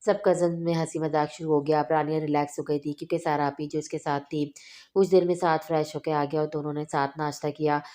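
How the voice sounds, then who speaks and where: A woman narrating a novel aloud in a steady, measured reading with small restarts. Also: sits low. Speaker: novel reader. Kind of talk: audiobook narration.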